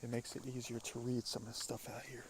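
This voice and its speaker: A man's voice: mid-range voice, little pitch movement, fast talker, background noise. Man whispering outdoors by the water. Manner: often whispering, curious and hushed. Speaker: outdoor vlogger. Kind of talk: hushed outdoor vlog narration.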